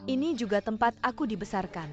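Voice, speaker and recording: A woman dubbing a kind, calm young woman who grew up an orphan, in a television drama. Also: fairly high pitch, fairly quick, natural voice. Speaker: dubbing actress. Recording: dull sound, music behind.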